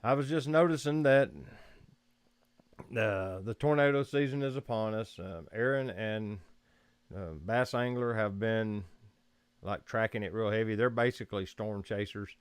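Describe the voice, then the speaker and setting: This man's fairly low voice is unhurried and clean-toned, recorded with no room sound. He's a photography livestream host from Georgia, US, speaking with a Southern accent in a casual, wandering at-home chat where he chuckles a lot.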